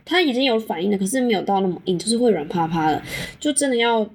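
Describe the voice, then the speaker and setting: A woman's voice: mid-range voice, animated, fast, a little hiss or hum. A young adult woman with a Taiwanese Mandarin accent hosting a solo podcast, telling a story in a frank, chatty way, swearing casually and laughing often. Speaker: podcast host.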